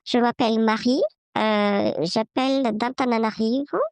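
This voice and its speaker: A woman in her fifties, her voice altered by a voice changer, leaving a measured, hesitant listener message. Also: steady tone, darkish tone, no echo. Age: 50s. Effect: voice changer, pitch-shifted disguised voice.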